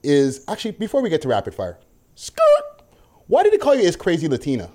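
A man's voice: fairly high pitch, wildly swooping pitch, fast, a little mellow. A man hosting a podcast with casual, teasing, slangy interview banter. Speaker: podcast host.

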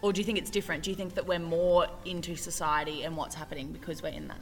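A woman's voice: low-pitched, steady tone, fast talker, soft background music. A young woman, co-hosting a podcast in casual, rambling chat and laughing often. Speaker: podcast co-host.

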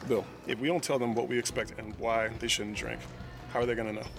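A man's voice: mid-range voice, fairly even intonation, fast, vocal fry, over music, close to an everyday voice. An actor playing a firm, frank father in a radio public service drama.

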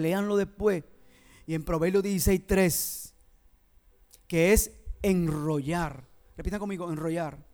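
A man's voice: high-pitched, a little mellow. A male pastor preaching a sermon, emphatic and repetitive, often turning to address the congregation directly.

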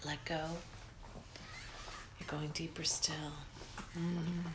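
A woman guiding a meditation in a soft, breathy near-whisper, slow and soothing, with long pauses. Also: low voice, level tone, noisy background. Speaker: meditation guide.

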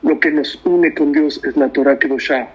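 Preacher, male, husky voice, emphatic rhetorical questions, lo-fi audio. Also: a little high, moderate pace. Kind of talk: sermon. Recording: dull lo-fi audio.

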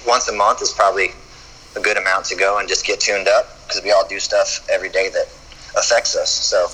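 Guy w a low but really bright voice, chiropractor on a podcast, kinda halting. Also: fairly even intonation, slightly rough, low-quality recording. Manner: halting, repeats words when starting a thought. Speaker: chiropractor guest. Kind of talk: casual podcast chat.

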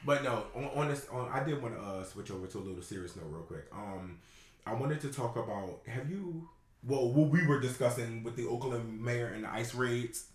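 A man co-hosting a podcast, chatting casually in a teasing, halting way. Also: mid-range voice. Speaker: podcast co-host. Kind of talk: casual chat. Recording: echoey room.

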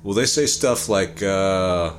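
A man co-hosting a podcast in casual chat, blunt and profane, rambling with many restarts, known to speak rapidly. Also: sits low, a little hiss or hum. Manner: speaks rapidly by his own account. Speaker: podcast co-host.

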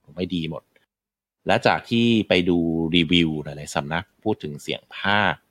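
A man's voice: low voice, normal speed, fairly bright tone, no echo. A man hosting a casual talk about video games, rambling with many fillers and restarts. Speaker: game podcast host. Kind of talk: casual game discussion.

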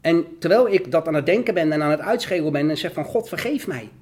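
Fast-talking earnest Dutch man. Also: on the high side, expressive, a little mellow. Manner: earnest, fervent, fast and repetitive. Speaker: guest. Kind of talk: emotional testimony in an interview.

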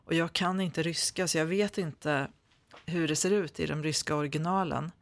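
Swedish guy, kinda higher voice, gravelly, lots of ehs and restarts, dry close sound. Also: steady tone, no room sound. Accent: standard Swedish. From Sweden. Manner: hesitant, many fillers and restarts. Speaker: author being interviewed. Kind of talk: conversational interview.

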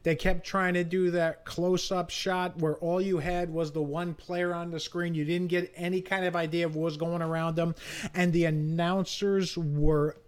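A man's voice: on the high side, little pitch movement, moderate pace, clean tone. A man co-hosting a sports podcast, giving blunt opinions on the broadcasts and stumbling over repeated words when worked up. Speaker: podcast co-host. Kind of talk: casual sports chat.

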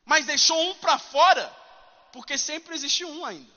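A preacher delivers a lively, humorous sermon, talking straight to his listeners. His voice is very high and bright, and a long reverb trails off it. The sound is a little dull. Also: measured pace. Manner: animated, humorous, addresses the congregation directly.

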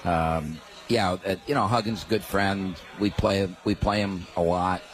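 Older male coach, low voice, loose rambling storyteller, live radio talk. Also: unhurried, rough recording. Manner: relaxed storytelling with frequent restarts. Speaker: basketball coach. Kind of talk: casual radio interview. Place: pub during a live radio broadcast.

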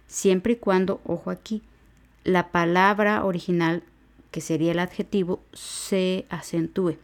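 A woman hosting an educational podcast, giving a spoken grammar lesson and breaking words down syllable by syllable. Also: mid-range voice. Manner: slow, syllable-by-syllable spelling out of words. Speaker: podcast teacher for exam preparation.

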